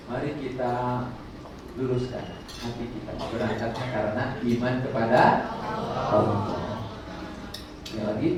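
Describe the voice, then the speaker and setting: Male religious guide, preacher's cadence, asks the crowd questions; heard from far off in a booming hall. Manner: preacherly, tosses questions to the audience. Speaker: umrah pilgrimage guide (ustaz). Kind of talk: religious instruction to pilgrims. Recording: very echoey, distant hall with room noise.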